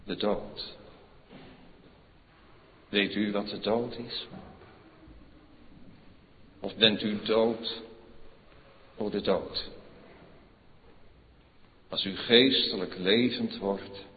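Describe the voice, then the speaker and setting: Fervent slow-preaching man in a church. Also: on the low side, fairly even intonation, in a large hall, narrow, tinny audio, slight background noise. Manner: fervent preaching, swinging from hushed to loud. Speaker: pastor. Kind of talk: sermon.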